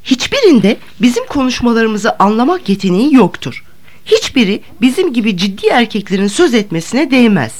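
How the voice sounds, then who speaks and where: A woman reading an audiobook, voicing a fawning young man with loud, blustering outbursts. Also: on the high side, big pitch swings, normal speed, pitched above the performer's own voice. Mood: scornful.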